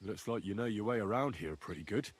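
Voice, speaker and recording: An actor playing a wry young male soldier in a game, asking lively questions. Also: fairly low pitch, fairly quick, noisy background, close to an everyday voice. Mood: curious.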